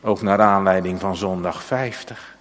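Male pastor, low and very slow, solemn sermon with long pauses, church with long echo. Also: steady tone, a little hiss or hum. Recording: church hall with long reverb.

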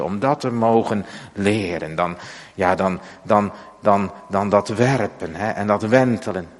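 Male pastor, low and very slow, solemn sermon with long pauses, church with long echo. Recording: church hall with long reverb.

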